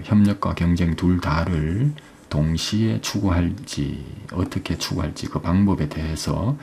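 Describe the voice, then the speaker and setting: A man teaching English, explaining an exam passage step by step, often asking "right?" and reading English phrases slowly. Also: low voice, mellow, slight background noise.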